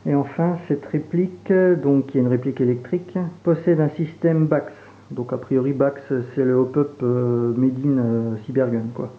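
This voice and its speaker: In a casual product unboxing and demo, an airsoft reviewer from Franche-Comté talks in a medium-pitched voice at normal speed with a regional French accent. He's relaxed and hesitant, dropping plenty of fillers while handling the gear, and the sound is tinny and phone-like with faint hiss.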